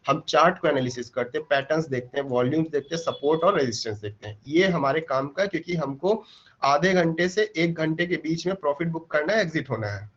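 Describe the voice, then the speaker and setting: A man's voice: a little high, fairly bright tone. Man teaching with rhetorical questions, lo-fi. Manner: explains with rhetorical questions and checks. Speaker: trading teacher. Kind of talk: live online class. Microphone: mic placed close.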